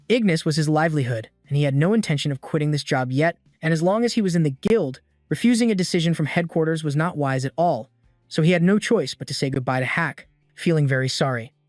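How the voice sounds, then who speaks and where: A man reading a scripted story recap in a steady, even storytelling manner. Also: on the high side, fast, no room sound. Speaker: recap narrator. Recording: dry voice-over with soft music.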